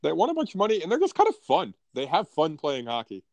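A man's voice: a little high, huge pitch swings, fast, a little mellow, no room sound. A North American man in casual sports chat as a podcast co-host, blunt and profane with frat-bro banter.

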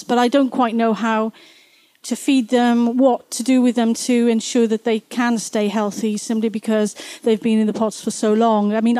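A woman's voice: on the high side, dark tone, no room sound. A woman, speaking as an audience member putting a question to an advice panel. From Swansea, Wales. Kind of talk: asking a gardening panel for advice.

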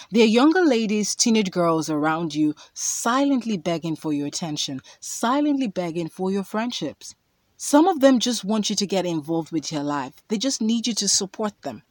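A woman's voice: fairly low pitch, a little mellow, no echo. A woman hosting a podcast, talking in an emphatic, preachy way that repeats lines for stress. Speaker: podcast host. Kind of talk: motivational podcast talk with ad read.

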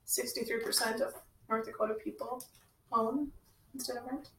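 A woman co-hosting a casual real estate podcast. She chats quickly and laughs often. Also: a little high, steady tone. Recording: echoey room, distant mic, faint noise.

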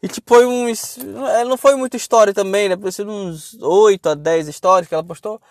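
A man's voice: sits high, fairly quick, dry recording. Young guy ranting casually, swears a lot, repeats himself, dry close sound. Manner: blunt, profane, rambling with repeats. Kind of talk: casual monologue.

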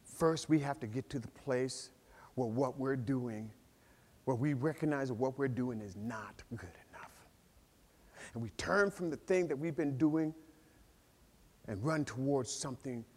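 A man preaching a sermon as pastor, telling the story with animated swings from loud to hushed. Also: medium pitch, unhurried, long pauses. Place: church hall. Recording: long reverb of a large hall.

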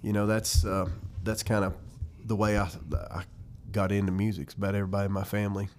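A man in his forties from Western North Carolina, with a Southern Appalachian accent, reminisces casually as a musician guest in an interview. His voice is lowish and darkish, delivered completely flat and fast. There's slight background noise.

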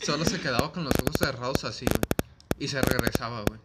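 A man's voice: medium pitch, quick pace. Laid-back Mexican guy with noise behind. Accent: Mexican Spanish. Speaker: guest. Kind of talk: casual chat among friends.

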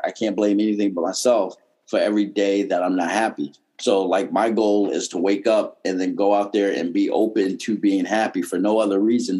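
A man's voice: lowish voice, a little mellow. Man with a mild Boston accent. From Boston, United States. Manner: blunt, profane, rambling. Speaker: podcast guest, comedian and former bike messenger. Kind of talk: casual conversation.

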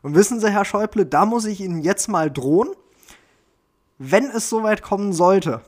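A pompous male politician delivers a grand, mock-serious threat in a raised, emphatic speaking voice, as a man imitates him. His pitch climbs well above normal talk as he relishes each line. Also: animated, normal speed. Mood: mock-threatening.

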